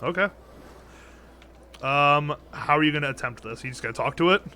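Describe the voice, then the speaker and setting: A man narrating as dungeon master over a voice call, halting and restarting often. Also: fairly high pitch, bright, forceful tone, slight background noise. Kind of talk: running a tabletop game.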